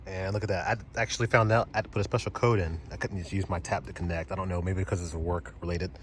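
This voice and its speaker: A man vlogging casually outdoors at car chargers, relaxed and offhand as he talks through each step. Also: deep voice, fast. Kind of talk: casual narrated vlog. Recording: loud outdoor ambience and traffic noise. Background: loud outdoor and vehicle noise.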